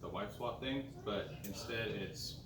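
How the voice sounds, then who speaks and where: A man's voice: fairly low pitch, measured pace, background noise. A man in casual chat with friends, joking and acting out what people say. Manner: lively, joking, acts out quotes. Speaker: friend at a hot sauce tasting. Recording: roomy sound from a distant mic with people chatting.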